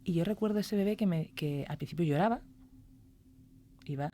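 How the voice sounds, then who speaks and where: Chatting as a guest in a relaxed podcast interview, a woman who works as a music therapist recounts stories and performs quoted lines of dialogue. Her voice is lowish and dark, at a normal speed, with slight background noise.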